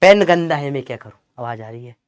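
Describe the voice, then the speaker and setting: A man's voice: mid-range voice, lively intonation, quick pace, clear, resonant tone, no echo, clean studio sound. A young man teaching physics in a chatty, teasing lecture. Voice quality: chatty, teasing, calls students beta. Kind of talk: classroom lecture with Gen Z slang.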